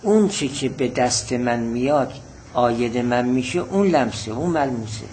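A man's voice: mid-range voice, lively intonation, darkish tone, slight background noise, poor audio. A man teaching a religious-philosophy text lesson, reading Arabic phrases and explaining them patiently, often repeating definitions.

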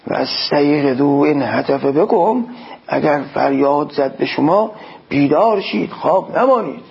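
A man's voice: a little high, expressive, gravelly, husky, lo-fi sound. A man preaching a sermon, quoting Arabic phrases and explaining them in an exhorting tone. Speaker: cleric.

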